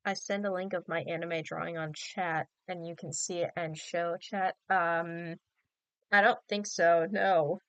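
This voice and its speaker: Bright, chatty young woman streamer. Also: on the low side, fairly even intonation, unhurried, smooth, no echo. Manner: chatty, rambling, many fillers. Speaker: livestream host. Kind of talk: casual chat while drawing.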